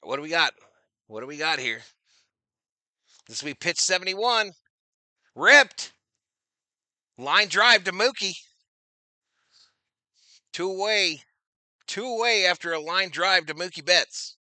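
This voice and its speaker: Male stream host calling baseball plays and greeting chat, tense bright tone, dead-dry mic. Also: high-pitched, lively intonation, slow pace, long pauses, no echo. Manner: chatty, reads out viewer names, loud on big plays. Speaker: streamer doing play-by-play. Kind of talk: casual live-stream baseball commentary.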